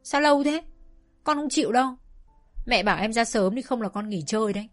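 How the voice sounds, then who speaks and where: A woman's voice: a little high, expressive, a little fast, faint music behind, lightly acted. A woman voicing a sulky, jealous little girl of about five who whines and pleads. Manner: whiny, pleading, shouts when upset.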